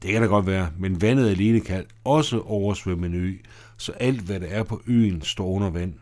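Man doing doom-saying know-it-all, lecturing, ominous, low dark voice, audio drama. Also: lightly acted. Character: gloomy know-it-all man predicting flooding.

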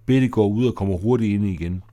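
A man reading the stage directions of an audio drama in a plain, steady way. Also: fairly low pitch. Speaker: narrator. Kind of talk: scripted audio drama narration.

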